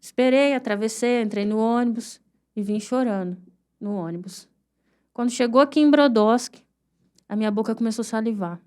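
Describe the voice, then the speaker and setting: Young Brazilian woman, fairly high voice, heartfelt testimony, halting and repeating herself. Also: a little mellow, clean tone. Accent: Brazilian Portuguese. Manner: earnest, halting storytelling with pauses and repetitions; vivid, heartfelt retelling of painful memories. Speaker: guest sharing her testimony. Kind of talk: emotional personal testimony.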